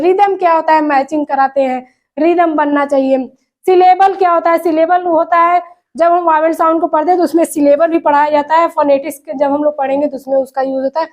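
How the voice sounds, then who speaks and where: Lady teacher, really high voice, reads exam questions slow then explains. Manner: reads questions slowly, explains in Hindi mixed with English. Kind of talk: exam prep lesson.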